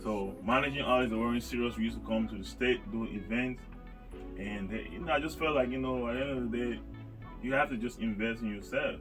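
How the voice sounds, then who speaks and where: A man from Cameroon, a rapper, chatting as a radio guest in a relaxed, rambling storytelling way. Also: medium pitch, fairly quick, far from the mic, over music. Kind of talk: casual interview chat.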